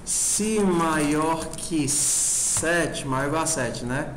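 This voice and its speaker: A man teaches a programming class with a slightly higher voice, spelling things out slowly and checking in with the students as he goes. The classroom sound is roomy, with a faint hiss behind him. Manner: informal, asks the class constant check questions. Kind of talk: classroom lecture.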